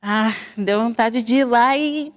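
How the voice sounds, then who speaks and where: A woman's voice: on the high side, slow pace, long reverb tail. A woman co-hosting a radio talk show, chiming in with brief reactions. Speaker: co-host.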